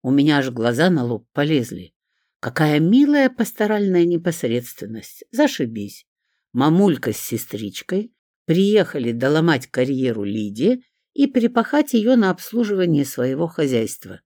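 A reader narrating a first-person audiobook in a sardonic, lively way. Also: mid-range voice, moderate pace, no room sound, studio quality.

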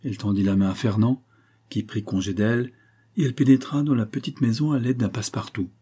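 A man narrating a classic novel as an audiobook reader, in a steady, even storytelling manner. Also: medium pitch, fairly quick, slightly rough.

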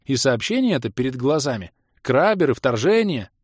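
A man reading an audiobook, voicing a panicked young sorceress who shouts frantically. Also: mid-range voice, sing-song, normal speed, breathy edge, no echo, studio quality.

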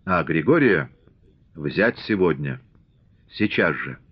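A man's voice: rumbling low, sing-song, takes it slowly, slightly rough, muffled recording, pitched below the performer's own voice, heavily acted. A man reading a stern commissar, curt and commanding. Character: stern middle-aged male revolutionary commissar.

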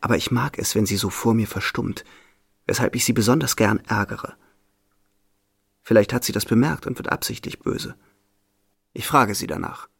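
Guy doing a dramatic novel reading, obsessed young man, swings from whispery to loud. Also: fairly low pitch, moderate pace, vocal fry, pauses often, slightly rough. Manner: impassioned, swings from hushed to exclaiming. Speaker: narrator.

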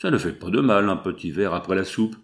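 A self-assured middle-aged landowner speaks briskly and plainly, as a male reader puts him on. His tone is fairly low. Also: expressive, gravelly.

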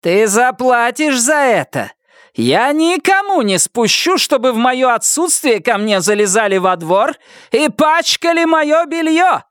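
A woman acting out a spiteful, foul-mouthed woman in an audiobook, spitting slow, clipped threats. The voice sits well above the reader's own and rises and falls sharply. The sound is close and dry. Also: mid-range voice, big pitch swings, clear, resonant tone, no echo, pitched above the performer's own voice. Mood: furious.

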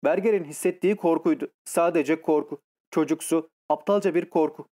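A man reading an audiobook in scripted narration, telling the story in a measured, even way. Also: fairly high pitch.

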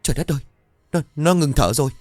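A man's voice: a little high, quick pace, over music, pitched above the performer's own voice, lightly acted. A man voicing a frantic young mother who stammers and shrieks in grief. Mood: panicked.

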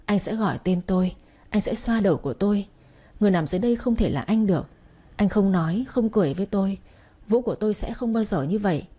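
Breathy, mellow woman narrating an audiobook. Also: mid-range voice. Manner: mournful, emotional delivery. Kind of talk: scripted first-person story narration.

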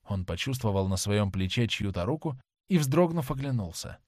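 A male narrator reads a classic novel with dramatic, expressive delivery. His pitch rises and falls in wide, lively arcs. The recording is dry, with the mic close. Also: normal speed, dry recording. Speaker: audiobook narrator. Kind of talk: scripted narration.

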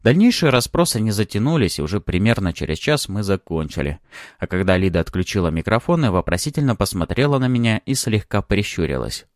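A man narrating first-person fiction as an audiobook, calm, dry and understated. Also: on the low side, brisk, no room sound.

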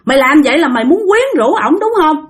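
Woman doing a shrill furious jealous sister. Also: expressive, fast talker. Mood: furious, accusing. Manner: shrill accusing tirade.

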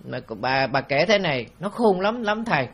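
A man's voice: fairly high pitch, big pitch swings, moderate pace, fairly bright tone, breathy edge. A man, a Buddhist monk giving a rambling, conversational dharma talk full of anecdotes and fillers.

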